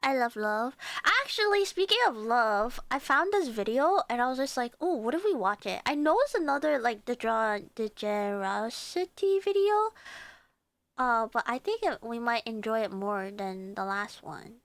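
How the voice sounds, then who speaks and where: A woman's voice: fairly high pitch, animated, moderate pace, a bit bright, dry recording. A woman chatting to viewers as a livestream host, with a cute, bubbly anime-streamer manner and a playful, rambling way of talking. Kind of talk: livestream casual chat with viewers.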